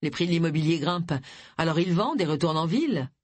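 A reader voicing Tilly, a gruff middle-aged village woman who is blunt and scornful, speaking in a low, curt voice. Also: animated, fast talker, a little mellow, no echo, lightly acted. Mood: bitter. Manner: curt, dismissive, grumbling.

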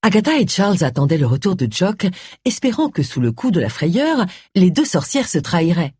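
Woman reading an audiobook, husky voice, lively, dry close sound. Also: on the low side, normal speed, no echo. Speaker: audiobook narrator. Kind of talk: scripted narration.

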